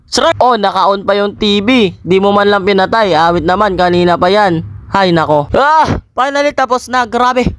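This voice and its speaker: A man narrates his own game role-play in a high voice. He is excitable and breaks into loud, sudden exclamations. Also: moderate pace. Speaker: gaming video creator.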